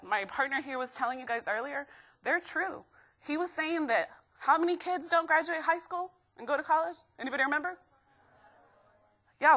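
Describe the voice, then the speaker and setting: A young woman from Guatemala giving an energetic live motivational talk to students, constantly asking the crowd questions. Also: sits high. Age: young adult. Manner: energetic, keeps quizzing the crowd. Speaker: motivational speaker.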